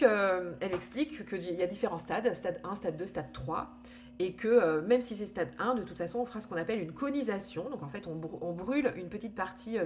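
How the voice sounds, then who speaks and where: A woman's voice: fairly low pitch, slight background noise. A woman telling her own story in a candid, conversational way, full of fillers and restarts. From France. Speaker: storyteller sharing her cancer experience. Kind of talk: casual personal testimony.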